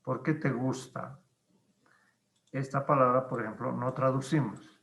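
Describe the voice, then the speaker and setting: Slow, gravelly teacher. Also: male voice, mid-range voice, steady tone, fairly bright tone, reverberant. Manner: patient, explains slowly with many pauses and fillers. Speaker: English teacher. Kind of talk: online class explanation.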